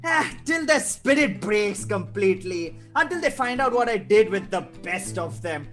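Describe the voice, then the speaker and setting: A performer playing a maniacal, theatrical clown villain with taunting, drawn-out phrasing in a table read of a film script. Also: mid-range voice, very animated, fairly bright tone. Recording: live guitar music behind online reading. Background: plucked guitar music.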